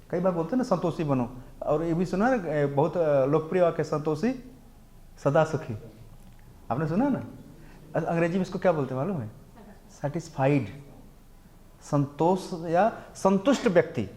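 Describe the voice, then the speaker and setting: Man, scripture lecture, slightly high voice, chants verses slowly, explanatory, rhetorical questions, English words mixed in. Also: darkish tone. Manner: mixes English words into Hindi. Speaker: temple speaker teaching scripture. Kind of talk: Hindi scripture class lecture.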